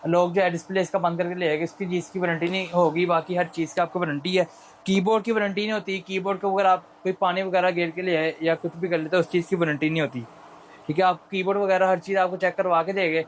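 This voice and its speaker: A male shop seller with a Pakistani accent giving an unscripted, persuasive sales pitch in repetitive patter. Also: slight background noise, low-quality recording.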